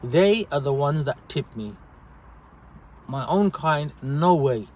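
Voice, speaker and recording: A man, a delivery driver, giving earnest, repetitive advice and animated stories in a casual livestream. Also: on the high side, slow, a little hiss or hum, poor audio.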